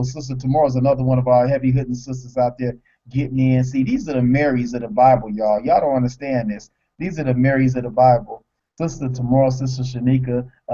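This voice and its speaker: A man co-hosting a live broadcast, talking in an excitable, rambling way and stumbling over words. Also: mid-range voice, muffled recording. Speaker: co-host.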